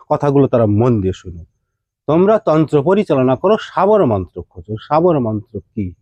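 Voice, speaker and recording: A man's voice: mid-range voice, a little mellow, dry recording. Emphatic man teaching mantras. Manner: chanting mantras in a rising singsong, then explaining emphatically; addresses listeners directly with rhetorical questions. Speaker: tantric teacher. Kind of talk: devotional teaching talk.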